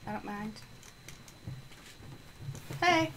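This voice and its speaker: Speaking very slowly in a fairly high, lively voice, a woman chats through a live game stream amid a noisy background. She thinks aloud and responds to viewers casually, with her microphone resting on the floor.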